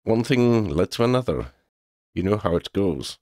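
Voicing a lordly, proud talking tomcat from a storybook, a man delivers a sombre confession full of pompous, formal, Scottish-flavored phrasing. His low, darkish voice is very animated at a moderate pace, recorded with studio quality, no room sound, and the voice pushed up.

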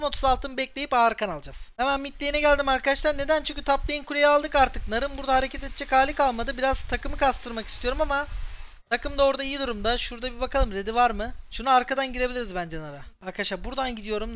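Fast, bright-voiced young male gamer. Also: very high voice, clear, resonant tone, muffled recording. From Turkey. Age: 20s. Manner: excitable, talks straight to viewers while playing. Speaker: gaming streamer. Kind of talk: live gameplay commentary.

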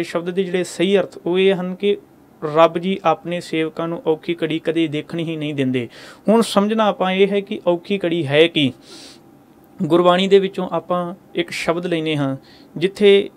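A man with a fairly high voice speaks as a preacher, giving a measured religious discourse to a congregation. He talks earnestly and recites verses slowly, leaning on each word with careful stress. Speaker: Sikh preacher explaining scripture.

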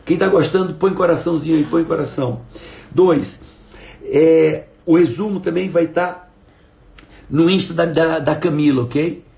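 A man's voice: on the high side, measured pace, creaky, dark tone. A middle-aged man teaching in a live stream, emphatic and repeating his phrases while he asks viewers to respond. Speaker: coach and live-stream host.

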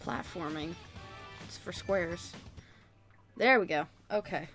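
A woman co-hosting a let's-play, yelping and swearing excitedly as she plays. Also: fairly low pitch, takes it slowly, music in the background. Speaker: co-host of a let's-play show. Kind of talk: casual game commentary.

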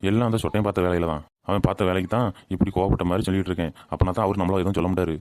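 In this village comedy skit, the crafty farmhand is voiced by a man whose low, steady, slightly mellow tone stays close to everyday speech. He argues and schemes quickly and cheekily, putting on fake anger, in a dry recording.

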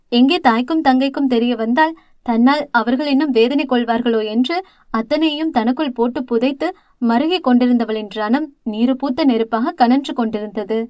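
A woman narrating an audio novel in a steady, expressive storytelling voice. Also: high voice, dry recording, clean studio sound.

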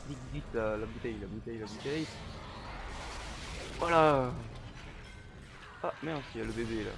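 A young man giving casual, profane commentary while playing a horror game, joking and often shouting. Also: mid-range voice, normal speed, vocal fry. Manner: swearing, jokey, bursts of shouting. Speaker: gameplay commentator. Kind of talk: let's play commentary.

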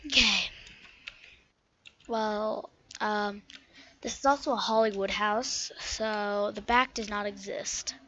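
A woman commenting live while she plays a building game, halting and thinking aloud, recorded on a dull lo-fi mic with keyboard clicks behind her. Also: medium pitch, steady tone, pushed and bright, a little hiss or hum. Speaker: gaming channel host.

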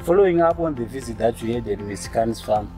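A man's voice: medium pitch, animated, quick pace, a little mellow, soft background music. Zimbabwean young man panelist, Shona mixed in. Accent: Zimbabwean English. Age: 20s. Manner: switches into Shona, hesitant fillers. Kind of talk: panel discussion. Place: outdoors by a brick wall.

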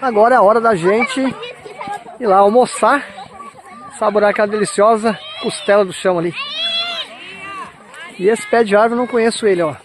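A man's voice: high voice, a little fast, long pauses. A man from Brazil filming a casual walking tour vlog outdoors at a farm zoo, exclaiming and pointing things out to his viewers. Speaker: vlogger. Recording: outdoor crowd and vehicle noise.

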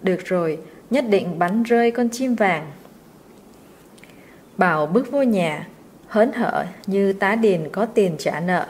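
A woman's voice: medium pitch, expressive, slow, pauses often, a little mellow, a little hiss or hum. Woman narrating a short story. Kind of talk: reading a short story aloud.

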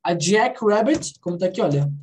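A woman's voice: on the low side, expressive, normal speed, a little mellow, a little hiss or hum. A Brazilian woman teaching an online English class, switching between Portuguese and English and checking understanding with frequent "alright?" and "ok?".

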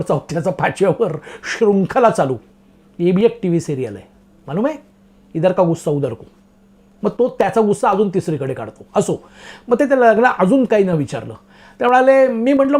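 A man's voice: sits high, darkish tone. A middle-aged man delivering a comic monologue in a wry, self-mocking, chatty way, talking straight to his listeners. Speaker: comic storyteller. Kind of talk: stand-up style comic monologue.

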